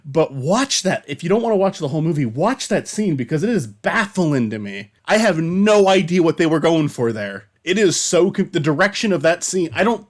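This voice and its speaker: A man's voice: on the high side, sing-song, normal speed, few pauses. A man in his thirties co-hosting a casual movie review podcast, rambling with frequent restarts and laughs. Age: 30s. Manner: rambling, laughs often, many restarts and fillers. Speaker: podcast co-host.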